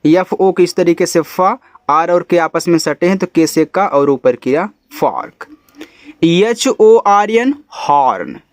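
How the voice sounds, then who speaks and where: A man with a high, bright voice gives a step-by-step phonics lesson. He spells out each word letter by letter, slowly and a little louder, then sinks low and quiet to say the word. The sound is dry and close to the mic. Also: no room sound. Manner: coaxing, checks in with "ठीक है?". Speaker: English teacher.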